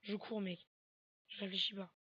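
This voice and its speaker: A woman giving let's play commentary on a horror game, swearing a lot and breaking into panicky shouts. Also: medium pitch, little pitch movement, moderate pace, slightly rough, dry recording, lo-fi sound. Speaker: gamer playing a horror game.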